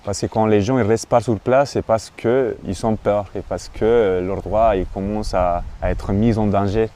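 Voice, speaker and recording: A man speaking reflectively in an interview, pausing often with fillers. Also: fairly low pitch, steady tone, dark tone. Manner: thoughtful, hesitant with fillers.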